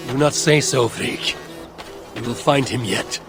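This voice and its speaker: An actor playing a proud, brooding Norse god king in a video game, speaking with solemn, archaic formality in a gravelly voice. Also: medium pitch, unhurried, music in the background, natural voice. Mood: grave, steady. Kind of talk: dramatic game cutscene acting.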